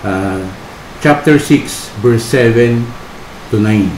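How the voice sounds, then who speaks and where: A man's voice: medium pitch, takes it slowly, darkish tone, slight background noise. A man preaching a storytelling sermon at a church worship service. He speaks hesitantly, with many fillers and tag questions. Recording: roomy hall with faint ambience.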